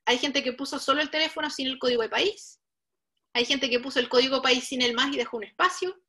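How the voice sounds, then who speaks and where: A woman's voice: high-pitched, fairly quick, bright, forceful tone. A woman leading an online coding workshop, patiently explaining each step and speaking straight to the learners. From Chile. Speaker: workshop instructor. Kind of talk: live online coding tutorial.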